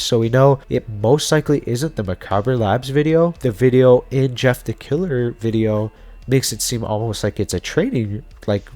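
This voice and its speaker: A man with a medium-pitched, slightly mellow voice hosts a video, informally speculating through theories in a casual explainer style while music plays in the background.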